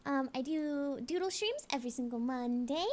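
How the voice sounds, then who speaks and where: A woman's voice: high voice, moderate pace, darkish tone. A young woman chatting casually as a livestream host, in a cute, girlish, bubbly anime-streamer manner. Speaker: livestream host, VTuber artist.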